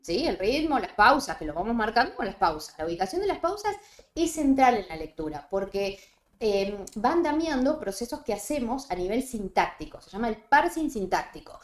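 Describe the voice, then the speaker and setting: A woman with a Rioplatense Spanish accent giving a seminar lecture, explaining step by step and often checking with a quick "¿sí?". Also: fairly high pitch, big pitch swings. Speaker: lecturer on reading fluency. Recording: roomy echo.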